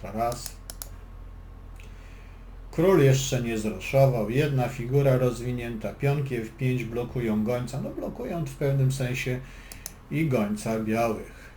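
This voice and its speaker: A chess instructor gives a lesson, calling moves and explaining plans, with dry joking asides between move calls. His medium-pitched voice is mellow, slow and lively in intonation. The room is echoey, with faint background noise.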